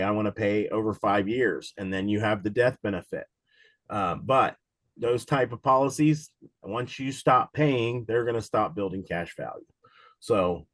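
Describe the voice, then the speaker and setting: An insurance exam instructor from Cincinnati, USA leads a live online study session over a video call, his slightly low voice still raspy from a lingering cold. He talks casually and rambles, restarting sentences and filling gaps with "um" and "uh". The recording is dry and close, with no room around it.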